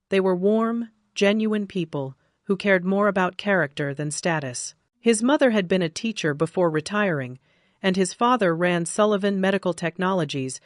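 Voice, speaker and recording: A woman narrating a first-person family story in a calm, even, scripted way. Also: on the low side, no echo, clean studio sound.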